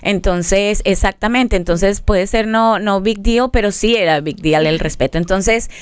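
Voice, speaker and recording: A woman's voice: medium pitch, unhurried, smooth, no echo. A middle-aged woman, a family counselor, sharing a heartfelt personal story in an interview and acting out what was said. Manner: earnest storytelling, acts out dialogue. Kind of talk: testimony in interview.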